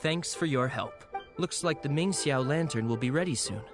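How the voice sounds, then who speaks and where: A man voicing a composed, dutiful city guard in a video game, speaking in a measured, formal way. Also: on the high side, natural voice. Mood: calm, reassuring. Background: game music.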